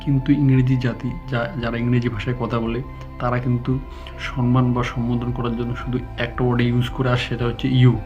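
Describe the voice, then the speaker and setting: A man with a Bengali accent teaches an English lesson, speaking slowly and checking in with his viewers. His pitch stays flat and level as he talks without a script, now and then tripping over a word. The recording sounds slightly dull, with faint music underneath. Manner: slow, deliberate explaining with frequent checks; unscripted, stumbling at times.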